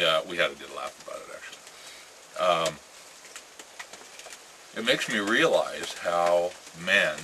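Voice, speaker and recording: Very low-voiced American man, musing casually. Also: pushed and bright, rough recording. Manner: musing, halting, with trailing phrases. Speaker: pipe-smoking vlogger. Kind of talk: casual rambling chat to camera. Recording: clear ambient noise with birdsong.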